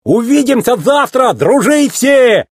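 Man playing a goofy old tow truck, husky, high, drawn-out sing-song, storybook. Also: expressive, a little mellow, no echo, clean studio sound. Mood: cheerful. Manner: drawling, sing-song teasing. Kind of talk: storybook reading.

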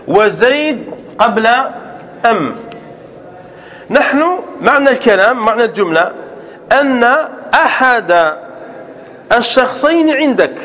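A man, a sheikh, teaching a classroom grammar lesson. He repeats example sentences slowly, breaks them into single words, and keeps checking with his students through rhetorical questions. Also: very high-pitched, fairly bright tone, in a large hall.

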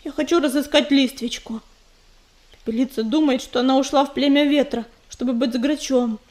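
A fiery young she-cat warrior in a storybook, pitched high and sharp-tongued, snapping and pleading in turn, as a woman reader puts her on. Her voice rides well above the narration, restless and excitable. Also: lightly acted. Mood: urgent. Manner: excited, quick to snap.

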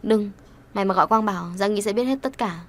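A woman voicing a meek young woman in an audio storybook, hesitant and stammering, trying to play things down. The voice stays at a plain middle pitch. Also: quick pace, close to an everyday voice. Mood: evasive.

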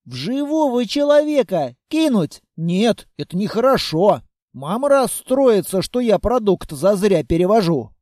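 A man's voice: sits high, sing-song, measured pace, darkish tone, no echo, clean studio sound. A man voicing a timid, fussy young male theorist who whines and frets. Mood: fretful. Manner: whiny, fretful.

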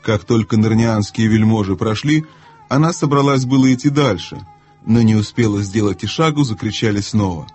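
A man reading a children's fantasy novel aloud as a measured, even audiobook narrator. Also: on the low side, slightly rough. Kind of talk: scripted narration.

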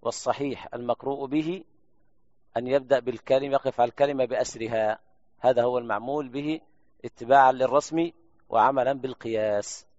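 Male reciter-teacher, mid pitch, slow demonstrations, dull dry recording. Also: steady tone, darkish tone, no room sound. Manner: slow drawn-out recitation of examples, then brisk explanation. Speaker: Quran reciter demonstrating readings.

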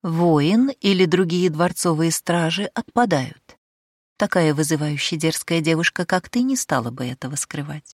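A woman's voice: low voice, moderate pace, no room sound, clean studio sound. A woman voicing a capricious young noblewoman in an audiobook, with a demanding, sarcastic manner. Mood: insistent.

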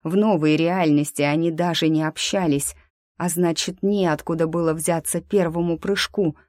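A woman reads a novel aloud in a low, even voice. The recording is close and dry, with no room around it. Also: moderate pace, no room sound. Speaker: audiobook narrator. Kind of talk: scripted narration.

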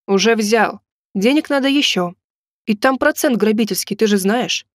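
A woman's voice: fairly high pitch, no room sound, studio quality, lightly acted. A woman voicing a pushy young man who keeps pressing for money and takes offence easily, in an audiobook. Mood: coaxing. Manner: insistent, quick to take offence. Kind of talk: audiobook reading.

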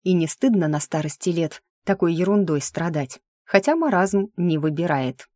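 Low-voiced woman, wry audiobook narration. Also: animated, moderate pace, dark tone, no echo, clean studio sound. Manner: wry, sardonic inner-monologue delivery. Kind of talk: first-person audiobook narration.

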